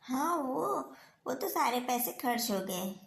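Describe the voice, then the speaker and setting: A woman's voice: high voice, lively intonation, unhurried, vocal fry, a little hiss or hum, full character voice. Young cartoon daughter-in-law, carefree and spendthrift, voiced by a woman, roomy echo.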